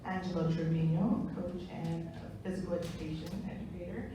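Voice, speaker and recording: A woman moderating a school panel, introducing each member by name and title and reading the list in quick bursts. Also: fairly low pitch, level tone. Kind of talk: event introductions. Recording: echoey hall from far off, noisy.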